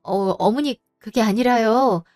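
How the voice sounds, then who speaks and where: A wronged daughter-in-law stands her ground in a polite, measured, firm voice, acted by a woman. The tone is somewhat high and dry, with faint music behind it. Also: darkish tone, no echo, natural voice.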